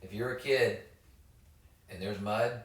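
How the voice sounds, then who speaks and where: A man's voice: fairly low pitch, steady tone, slow, a bit bright. A man co-hosting a casual chat as a priest, joking and teasing. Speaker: priest co-host. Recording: echoey room, mic at a distance.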